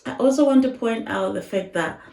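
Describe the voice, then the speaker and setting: A woman's voice: a little high, a little fast, vocal fry, darkish tone, far from the mic. A woman vlogger giving casual opinion commentary, speaking emphatically, repeating her points and asking rhetorical questions. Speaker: vlogger reacting to online videos. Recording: roomy echo, voice a bit off-mic.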